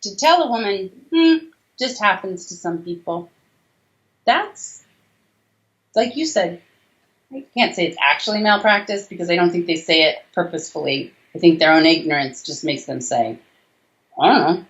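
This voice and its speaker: Fairly low-pitched and fairly bright, this woman's voice has lively intonation, a normal pace and frequent pauses. In her forties, she's a doctor and author giving a talkative, emphatic video-call interview from a small room, listing details. The call sound is a little dull.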